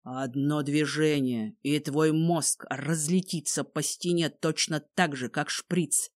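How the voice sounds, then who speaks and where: A woman voicing a calm, armed man who threatens in a low, steady voice. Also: unhurried, no room sound, studio quality. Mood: menacing.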